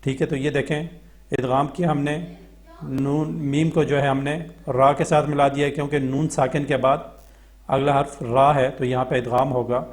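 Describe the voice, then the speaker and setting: A Pakistani man teaches Quran reading, chanting words slowly syllable by syllable before quickly explaining the rules in Urdu-accented speech. His voice is mid-range and his delivery flat.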